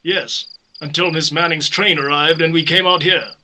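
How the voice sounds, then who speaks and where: A man's voice: a little high, fairly even intonation, moderate pace, bright, forceful tone. A man playing an earnest husband caught up in a murder case, with stagey delivery in an amateur radio mystery. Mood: subdued. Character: earnest husband suspected of his wife's murder. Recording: slightly noisy amateur voice-message recording.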